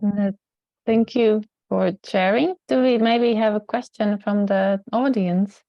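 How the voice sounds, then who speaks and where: A woman moderating a conference panel, posing her questions with frequent pauses and fillers. Her voice sits in a middle range and sounds dry and close, with little room sound. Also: medium pitch, fairly even intonation, vocal fry, no echo, highs cut off. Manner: hesitant, many fillers.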